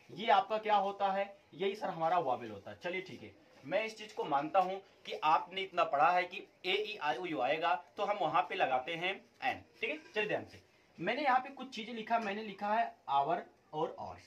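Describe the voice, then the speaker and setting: Male English teacher, fairly high voice, walks students through each point and quizzes them. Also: sing-song, normal speed, fairly bright tone, muffled recording. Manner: explains step by step, asks students questions and answers them himself. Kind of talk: classroom-style video lesson.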